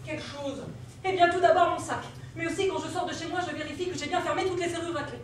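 A woman's voice: very high voice, steady tone, fast talker, slight background noise. An actress playing a prim, anxious, pious woman on an amateur stage, heard from far off in an echoey hall. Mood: fussy. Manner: prim, anxious, exclaims to saints. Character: pious, fussy woman who checks everything.

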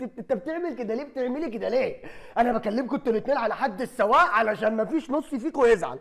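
A man with an Egyptian accent giving loud, sarcastic comedy commentary on clips, often laughing as he talks. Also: extremely high pitch, creaky. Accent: Egyptian Arabic.

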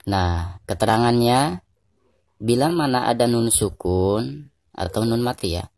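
An Indonesian man teaching Quran recitation rules, explaining patiently and repeating each point, then slowing down to chant drawn-out examples. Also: medium pitch, expressive, creaky, darkish tone, no room sound, clean studio sound. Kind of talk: tajwid lesson with recited examples.

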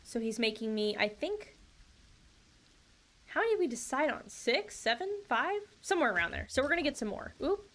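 A woman's voice: high voice, very animated, normal speed, fairly bright tone. A young woman streaming a game, chatting casually with viewers in a bubbly, chatty way and laughing often. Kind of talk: casual live-stream chat.

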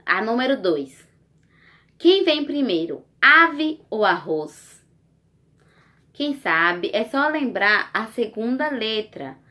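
Woman teacher, unhurried and bright, sing-song coaxing delivery for small kids at home. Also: on the high side, very animated. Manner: slow, coaxing, sing-song teacher talk with tag questions. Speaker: primary school teacher. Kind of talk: recorded remote lesson for young children.

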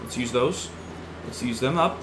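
A man doing let's play commentary on a horror game, excitable and jumpy, swearing often. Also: mid-range voice, normal speed. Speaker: gaming video host. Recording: roomy with steady background noise.

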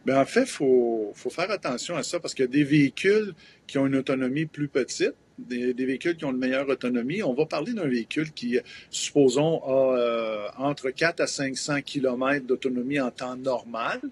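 A man's voice: medium pitch, moderate pace. Québécois man in his fifties, hesitant explainer on a remote TV link, faint hiss behind. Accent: Québécois French. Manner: hesitant, many fillers, explanatory. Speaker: event promoter. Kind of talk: live TV interview. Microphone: remote video link.

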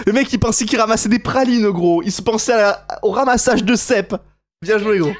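A young male streamer, heard over a gaming headset, commentates a tournament live in a hyped, slangy style. His voice is high-pitched and fairly quick, and he cheers and shouts at the big moments.

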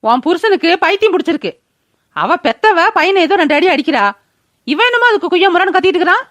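Cartoon granny, old and scolding, fast and high-pitched,, dry close sound. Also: female voice, lively intonation, fairly bright tone, dry recording. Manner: scolding, rapid-fire. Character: scolding old grandmother, sharp-tongued, sides with daughter. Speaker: mother-in-law. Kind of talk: cartoon voice acting.

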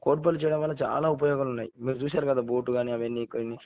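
A man from Telangana, India, with a Telangana Telugu accent, calls in as a local voter and chats casually but earnestly, often repeating words and phrases. His medium-pitched voice is slightly mellow, runs at a racing pace, and keeps a fairly even intonation. The band-limited phone line sounds dull but has no echo.

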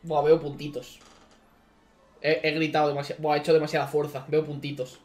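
A man's voice: fairly high pitch, little pitch movement, fairly quick, darkish tone. Ranting man with a Spain Spanish accent. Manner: ranting, repetitive, swearing. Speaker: gaming streamer. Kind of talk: gacha summon reaction commentary.

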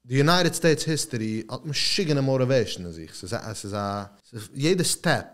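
Young canadian guy in his 20s, guest on a podcast, kinda halting, repeats himself. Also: mid-range voice, lively intonation, a bit bright. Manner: halting, repeats words while searching. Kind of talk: casual interview.

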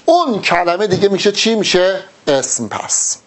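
Teacher: high, animated man, Persian-accented, coaching a student through verb drills. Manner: drills verb forms, addressing the student directly. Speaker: Arabic teacher. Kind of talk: recorded exam-prep lesson.

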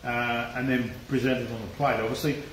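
Australian man, mid-pitched voice, laid-back cooking-stream chatter, echoey kitchen. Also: level tone, brisk, a bit bright, slight background noise. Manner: loose, chatty, swears freely, laughs often. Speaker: cooking channel host. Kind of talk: casual live cooking stream, chatting to viewers. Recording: echoey room.

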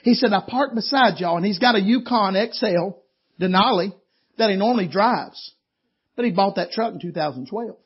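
Preacher guy, real high husky voice, folksy storytelling, kinda dull lo-fi church recording. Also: normal speed. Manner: folksy, animated storytelling with laughs. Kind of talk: storytelling sermon. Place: church meeting.

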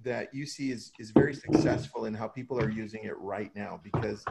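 A man's voice: fairly low pitch, a little fast, creaky, very noisy. A man co-hosting a casual online webinar, upbeat and joking with his guests. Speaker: webinar co-host.

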